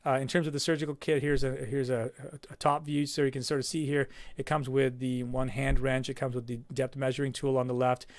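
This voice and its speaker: A man's voice: mid-range voice, flat delivery, brisk, few pauses, dry recording. A man, a dentist, talking casually through a slide review of an implant kit, with lots of fillers and restarts.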